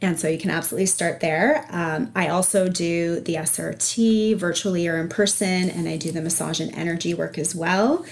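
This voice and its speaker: A woman with a slightly low voice answers as a guest coach in an interview. She explains things conversationally, checking in for agreement as she goes. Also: normal speed, creaky, few pauses. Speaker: energy and life coach, podcast guest.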